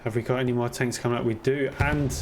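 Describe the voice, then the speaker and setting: A man's voice: mid-range voice, steady tone, quick pace, noisy background. A man working as an esports caster, giving live match commentary and reacting to the play in short exclamations with a co-caster. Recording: game gunfire and artillery behind voice. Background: video game gunfire, artillery, clicks.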